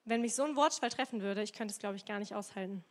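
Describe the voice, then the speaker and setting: A woman preaching a casual, lively sermon, retelling a story and mixing in English words. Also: mid-range voice, quick pace. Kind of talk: youth sermon with Bible reading.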